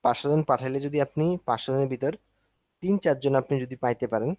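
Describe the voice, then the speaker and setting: A man's voice: medium pitch, steady tone, fast talker, a little mellow, dry recording. A man teaching an online class, explaining step by step in a conversational way while walking through a screen. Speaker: instructor.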